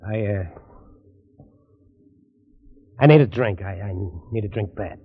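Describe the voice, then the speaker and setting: A man's voice: medium pitch, expressive, moderate pace, natural voice. An actor playing a weary, hard-drinking man who stammers and sounds bitter, in 1940s radio drama style. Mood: shaky. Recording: dull old radio broadcast with music.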